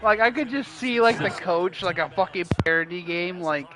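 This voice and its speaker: A man's voice: high voice, normal speed, pushed and bright, a little hiss or hum. A young man in casual gaming banter, rambling with lots of fillers, laughing and swearing. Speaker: gaming friend.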